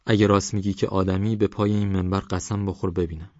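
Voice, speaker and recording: A man's voice: low voice, level tone, darkish tone, dry recording, lightly acted. A man voicing a frightened old wandering dervish, pleading in a raised, fearful voice. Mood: wary. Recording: dry, slightly dull recording.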